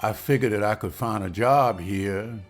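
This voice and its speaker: Over soft background music, a man with a fairly low, gravelly voice reads at a moderate pace in a table read. He plays William, a hopeful, respectful husband who has just landed a waiter's job, sounding earnest and saying ma'am.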